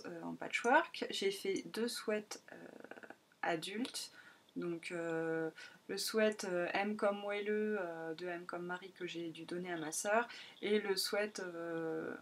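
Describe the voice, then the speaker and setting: Host, woman, 30s, from France. Chatty, hesitant, self-mocking, slightly low voice. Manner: rambling, many hesitations, self-mocking laughter. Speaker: podcast host. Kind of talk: casual solo podcast chat.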